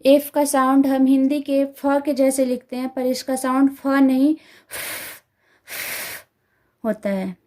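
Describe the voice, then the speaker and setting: A woman teaching letter sounds to parents, repeating each sound carefully and slowly. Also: high-pitched, steady tone, darkish tone. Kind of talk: slow instructional explanation.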